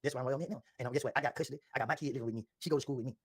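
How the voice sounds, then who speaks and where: Man, husky, rapid-fire interview storyteller, defensive and insistent, dry close recording. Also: mid-range voice, no room sound.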